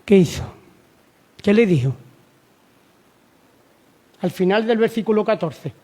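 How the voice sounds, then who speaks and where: A man's voice: high-pitched, lively intonation, slow, mellow. A man from Spain preaching a sermon, urging his listeners with repeated lines and rhetorical questions. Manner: repetitive, exhortative, rhetorical questions.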